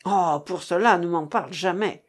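A woman reading the part of a gruff old male lieutenant, a sailor and soldier who swears and blusters with soldierly bravado. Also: lowish voice, normal speed. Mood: blustering.

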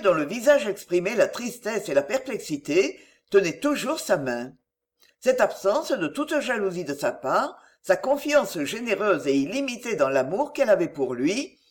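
A reader narrating an old novel aloud in a measured, storytelling way. The pitch moves a great deal from phrase to phrase, so the reading stays animated. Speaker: audiobook reader.

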